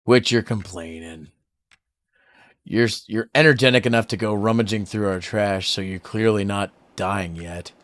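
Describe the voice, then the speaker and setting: Andrew, a man doing a low muttering young man. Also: moderate pace, no room sound, natural voice. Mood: dry. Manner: low, muttered, quiet delivery. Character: grim protective young man, Andrew, game sibling. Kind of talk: reading game dialogue aloud.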